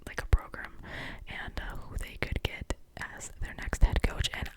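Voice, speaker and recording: Whispering ASMR sports host, Midwestern accent, breathy unvoiced hush, meandering with fillers, close mic. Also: normal speed, poor audio. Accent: Midwestern American. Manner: soft unvoiced whisper, rambling with many ums and restarts.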